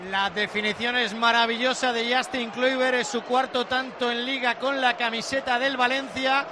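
A man from Spain with a Spanish accent, giving an excited live description of a football match as commentator. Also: very high-pitched, moderate pace. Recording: very noisy stadium, loud crowd. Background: loud stadium crowd.

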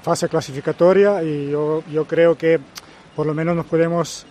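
Serbian accented guy in his 50s, flat steady voice a bit high, pausey guest on a footy broadcast. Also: slight background noise. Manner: measured, hesitant with frequent pauses. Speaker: guest pundit, former footballer and coach. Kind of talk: live match commentary chat.

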